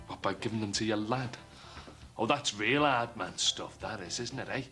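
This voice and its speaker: A man's voice: lowish voice, moderate pace, sharp tone, faint music behind. An actor playing a sly, suspicious working-class man with a Liverpool accent who keeps pressing with insinuating questions. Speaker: neighbour needling a suspect. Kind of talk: TV soap acting.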